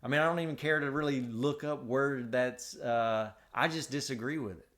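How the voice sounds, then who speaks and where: A man co-hosting a podcast, arguing his side in a casual debate, halting and restarting often. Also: medium pitch, a bit bright. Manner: halting, many restarts and fillers. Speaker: podcast co-host.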